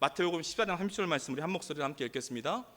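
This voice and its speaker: A man's voice: fairly high pitch, animated, very fast, a bit bright. A man pastor preaching a sermon, pressing his points home with emphatic repetition, in a church sanctuary. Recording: long reverb of a church hall.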